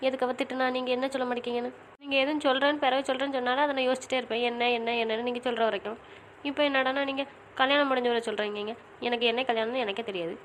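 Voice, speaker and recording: Actress for a young college girl, stubborn and pleading, rapid-fire delivery. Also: sits high, steady tone, slight background noise, close to an everyday voice. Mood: insistent. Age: young adult. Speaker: voice actor. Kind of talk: audio drama acting.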